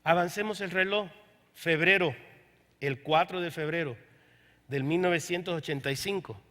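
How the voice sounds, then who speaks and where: A man with a slightly high, fairly bright voice preaches as pastor at a church service, speaking at a moderate pace. He recounts his story, quoting dialogue along the way, and the church room gives the audio a long hall reverb.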